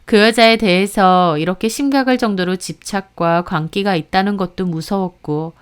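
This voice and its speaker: A woman storyteller reading a scripted story in a steady, even manner. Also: medium pitch, normal speed, smooth.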